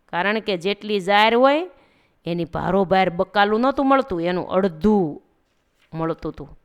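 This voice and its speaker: A woman narrating a devotional story, talking lively and directly to her listeners. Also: medium pitch, moderate pace, clean tone, lo-fi sound.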